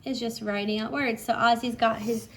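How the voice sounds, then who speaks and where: A woman teaching a phonics lesson casually, giving slow school dictation with repeated words and prompts for a child. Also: on the high side, fairly even intonation, a bit bright, a little hiss or hum. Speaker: home phonics teacher, parent-style instructor.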